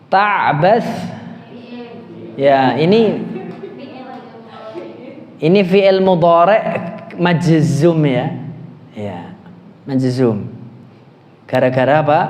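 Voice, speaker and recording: Javanese-accented guy teaching a grammar class in a mosque, kinda high voice, big echoey hall. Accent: Indonesian, with Javanese words. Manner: quizzing students, chanting Arabic phrases slowly. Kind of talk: classroom lesson.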